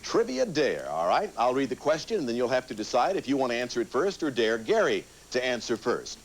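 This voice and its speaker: A man's voice: medium pitch, big pitch swings, a little fast. A man hosting a game show, talking conversationally to contestants and reading out questions. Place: television game show studio with audience. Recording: TV studio sound with audience noise.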